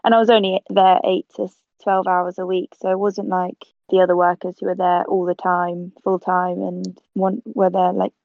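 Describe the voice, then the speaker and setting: A woman's voice: fairly low pitch, flat delivery, normal speed, creaky, hardly any pauses, no echo. A woman in her twenties, originally from South Africa, chatting casually as an interview guest and laughing easily. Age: 20s. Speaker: guest photographer. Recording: tinny phone-like line.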